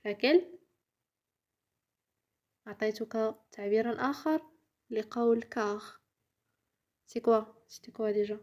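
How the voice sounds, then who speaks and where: Her voice is on the high side and a little mellow, moving at a moderate pace with long pauses. She teaches French casually, turning to Arabic to explain, encouraging the listener patiently, checking often that they follow, and sometimes whispering pronunciations.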